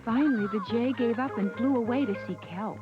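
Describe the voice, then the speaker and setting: A woman narrating a cartoon fairy tale in a gentle storytelling manner, heard from a worn tape copy. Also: a little high, fairly quick. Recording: dull worn VHS tape with music behind.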